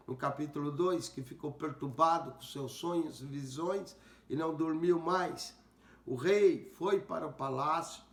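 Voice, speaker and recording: A male pastor teaching a Bible passage, speaking deliberately and repeating verses to comment on them. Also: on the high side. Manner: slow, deliberate, rereads verses aloud and comments. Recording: roomy echo.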